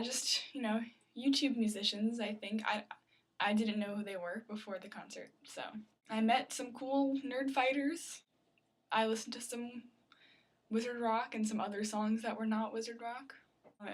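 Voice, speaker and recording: High-pitched young woman vlogging. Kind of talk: casual video blog chat. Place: small apartment bathroom.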